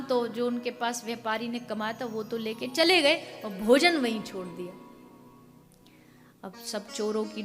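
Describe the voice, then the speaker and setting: A woman preacher giving a devotional sermon, telling a story in an animated way and acting out the dialogue. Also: on the high side, long reverb tail.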